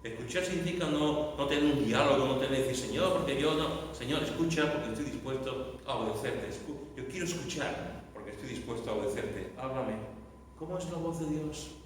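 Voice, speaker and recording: A man's voice: mid-range voice, expressive, a little fast, few pauses, a little hiss or hum. A man preaching a sermon, dramatic and repetitive, raising his voice for emphasis. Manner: dramatic, repeating phrases, shouting for emphasis. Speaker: pastor. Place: large echoey church hall. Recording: echoey hall recorded from far off.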